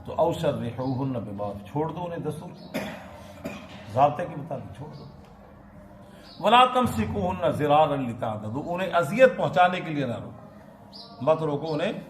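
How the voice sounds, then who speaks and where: A man with a Pakistani Urdu accent giving a Quran lesson in a mosque, reciting Arabic verses and explaining them with questions to the congregation. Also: on the high side. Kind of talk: mosque sermon, Quran commentary. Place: mosque hall. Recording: echoey mosque hall, faint noise.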